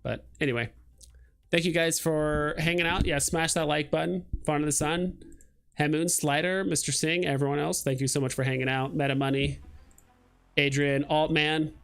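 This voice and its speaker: A man's voice: a little high, moderate pace, gravelly, clean tone. A young man hosting a casual livestream, talking in a loose, rambling way with lots of "like" and "um". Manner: rambling, relaxed, lots of fillers like "like" and "um". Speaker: livestream host.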